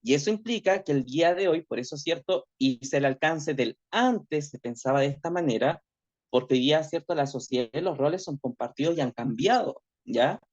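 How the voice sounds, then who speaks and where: Male teacher, online class lecture, high-ish voice, reflective, constant tag questions, dull lo-fi call audio. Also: animated, normal speed, darkish tone.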